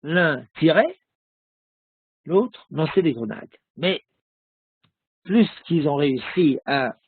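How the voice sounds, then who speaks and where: A man, a rabbi, giving a recorded religious lesson, telling a story slowly with many hesitations. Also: fairly high pitch, vocal fry, narrow, tinny audio, slight background noise. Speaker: rabbi teaching a class.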